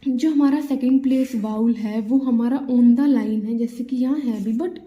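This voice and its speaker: A woman's voice: on the high side, unhurried, warm tone. A woman teaching shorthand vowels, patiently explaining each rule and checking in often. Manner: patient, repeats "theek hai" and "dekho" often. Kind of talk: explaining steno vowels step by step. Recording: dull lo-fi, roomy echo.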